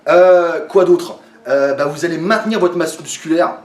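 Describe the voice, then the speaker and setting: A man's voice: a little high, normal speed. A man explaining a training method to his viewers in a casual way, with lots of fillers and restarts, a little tired. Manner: hesitant, many fillers and restarts, addresses viewers as friends. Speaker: fitness coach. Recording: echoey room, from a distance.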